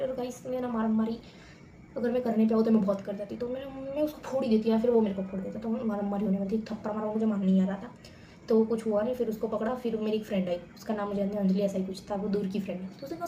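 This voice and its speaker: Young woman, vlogger, chatty storytelling, fast talker, echoey room. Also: a little high, a little hiss or hum. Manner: chatty, animated, addresses viewers as guys. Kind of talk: casual storytelling to camera.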